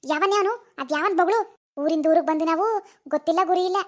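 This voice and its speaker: Cartoon mother, enraged, voiced by a woman, very high and shrill, rattles off insults at speed. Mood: angry scolding. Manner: shrill, rapid scolding with insults. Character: furious village mother scolding her teenage daughter.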